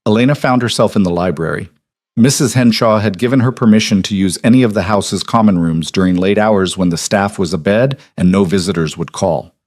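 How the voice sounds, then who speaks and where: A man narrating a romance story in an even, measured audiobook style. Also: on the low side.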